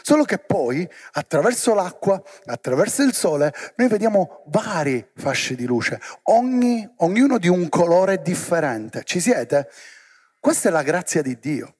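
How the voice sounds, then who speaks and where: A man giving a lively sermon to young people and often asking the crowd questions. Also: high-pitched, unhurried, breathy edge. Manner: animated, asks the crowd questions. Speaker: preacher.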